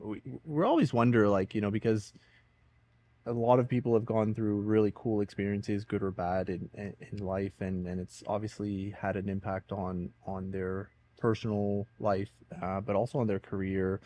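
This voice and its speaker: A man's voice: on the low side, darkish tone. A man hosting a podcast interview, chatting casually with many fillers and rambling questions. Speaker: podcast host.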